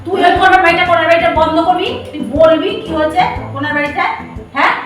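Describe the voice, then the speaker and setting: A woman in a comic skit playing a sharp-tongued sister-in-law who scolds the neighbors. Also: very high voice, steady tone, very fast, very echoey, far from the mic, soft background music. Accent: Bengali. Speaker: housewife called sister-in-law.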